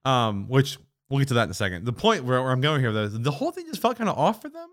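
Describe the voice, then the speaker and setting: A man co-hosting a casual gaming chat, his pitch swinging widely as he jumps between thoughts. He swears freely and acts out quotes in passing. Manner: animated, swearing, quick asides and acted-out quotes. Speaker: podcast co-host.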